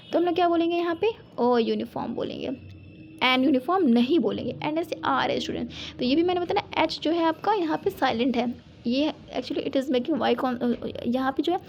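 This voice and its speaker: A woman's voice: high-pitched, vocal fry, a little mellow, slight background noise. A woman with an Indian accent, explaining a lesson to students and often asking the class questions. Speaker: teacher.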